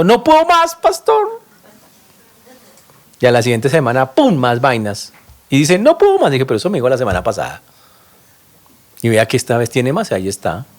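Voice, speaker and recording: Guy pastor preaching, voice jumps all over, punchy and emphatic, keeps asking the church questions. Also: mid-range voice. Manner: animated, emphatic preaching with sound-effect interjections; addresses congregation directly with questions. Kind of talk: sermon.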